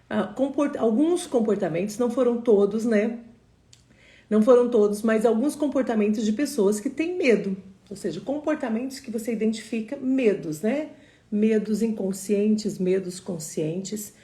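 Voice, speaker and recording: Mellow woman giving a live talk. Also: a little high. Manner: conversational, frequent "né?" tag questions. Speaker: motivational speaker. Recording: echoey room.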